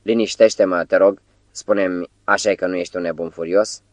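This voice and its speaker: Man voicing a nervous, gentle hospital patient. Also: deep voice, fairly even intonation, no echo, close to an everyday voice. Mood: uneasy. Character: anxious gentle middle-aged male hospital patient.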